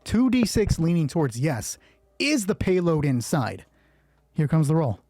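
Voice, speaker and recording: A man hosts a solo roleplay as game master, shifting between hushed, terse scripted narration and casual commentary full of swearing and thinking aloud. His fairly high voice is very animated and unhurried, dark in tone, with no room sound. Music plays behind him.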